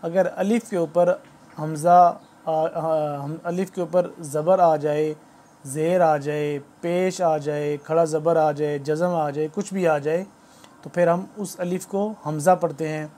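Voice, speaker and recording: A man giving a spoken lesson on Quran letter reading, patiently explaining and slowly spelling out letter drills aloud. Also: a little high, fairly even intonation, mellow. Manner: formal greeting to viewers.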